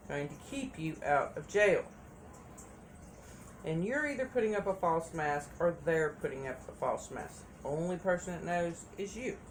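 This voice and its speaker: A woman's voice: deep voice, slight background noise. A woman giving a casual tarot reading, chatty and repeating phrases for emphasis. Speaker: tarot reader.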